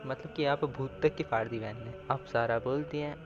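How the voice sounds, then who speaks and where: A man's voice: mid-range voice, fairly even intonation, a little fast. A man narrating an anime story recap in a casual, slangy retelling style. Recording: slightly dull lo-fi audio, faint background music.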